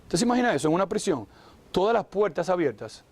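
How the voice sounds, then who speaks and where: A man's voice: high-pitched, big pitch swings, fast, a little mellow. A man preaching a sermon, who exclaims often, asks his listeners direct questions and acts out the voices of figures in the story. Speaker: pastor.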